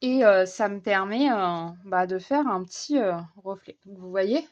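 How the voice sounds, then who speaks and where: A woman's voice: medium pitch, a little slow, a little mellow, highs cut off. A young woman chatting casually while coloring at her desk, hesitant and full of fillers and restarts. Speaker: vlogger. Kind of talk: casual coloring vlog chat.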